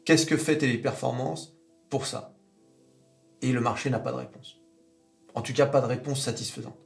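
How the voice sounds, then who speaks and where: A man's voice: medium pitch, moderate pace, creaky, reverberant, faint music behind. A man hosting off-the-cuff financial commentary, emphatic and insistent, repeating key phrases. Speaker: host commenting on financial news clips.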